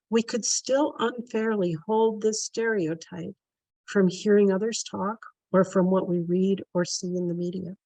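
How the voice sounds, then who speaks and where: A woman moderating a panel discussion, reading a prepared talk in a slow, measured way. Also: mid-range voice, darkish tone, no echo, rough recording. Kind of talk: prepared presentation.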